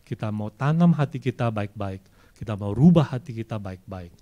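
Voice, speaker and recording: With a lowish, expressive voice at a moderate pace, a male preacher gives a sermon at a streamed church service, and the highs are cut off. He drops into everyday slang and acts out people's prayers and excuses in shifting voices.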